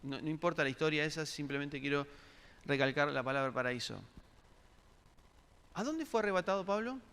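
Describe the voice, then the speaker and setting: Gravelly-voiced man preaching in a hall. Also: a little high, expressive, a little fast, a bit bright. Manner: asks the congregation questions and repeats words while searching. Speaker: pastor. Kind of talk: sermon. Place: church hall. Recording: church hall reverb.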